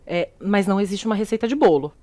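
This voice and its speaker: Her voice sits in the mid range, dark in tone and quick. This middle-aged sustainability executive, Brazilian Portuguese accent and all, is a videocast interview guest explaining her perspective while tossing out rhetorical questions.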